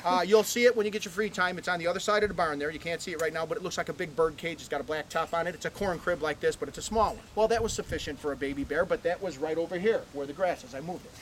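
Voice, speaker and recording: A man gives visitors a tour of his animal ranch outdoors, rattling off chatty stories at a fast clip. His voice sits high for a man, and he keeps checking in with "okay?" as he talks. Faint outdoor noise hums behind him. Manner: folksy, chatty, lots of "okay?" and "uh". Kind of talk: casual storytelling to visitors. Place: outdoors on a ranch near a barn.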